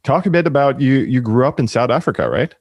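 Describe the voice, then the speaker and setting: A man's voice: mid-range voice, lively intonation, fast, no echo. A man hosting a podcast interview, encouraging his guest and hedging his questions with fillers. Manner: encouraging, with many fillers and restarts. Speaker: podcast host. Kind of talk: casual interview chat.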